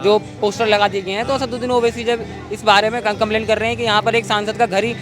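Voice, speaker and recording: A man's voice: high-pitched, little pitch movement, fast talker, over music. A man interviewing a guest, posing long political questions and stumbling over his words.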